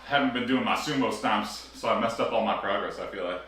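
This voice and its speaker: A man's voice: on the low side, a little fast, a bit bright, slight background noise. Man talking through big hall echo. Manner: coaching himself through exercises. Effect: big echoey room. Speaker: fitness streamer. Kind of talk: casual workout talk and rep counting. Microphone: clip-on mic. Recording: echoey room, heard from a distance.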